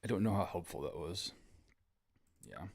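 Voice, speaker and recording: A young man from rural Illinois streams a game, chatting casually with his viewers as he plays. His voice is low and darkish with vocal fry, big pitch swings, and a normal speed.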